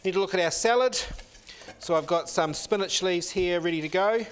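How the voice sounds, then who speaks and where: This cooking demonstration features a middle-aged male chef who explains every recipe step while cooking in a teaching kitchen, wearing a lapel mic. He speaks in a high voice at a moderate pace, with a faint hiss or hum on the recording.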